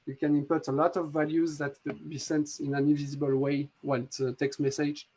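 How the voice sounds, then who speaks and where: A man with a French accent explaining an app on a live video call, talking haltingly with frequent restarts and fillers. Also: a little high, little pitch movement, warm tone, breathy edge. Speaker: app developer demonstrating a magic trick. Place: home in a city.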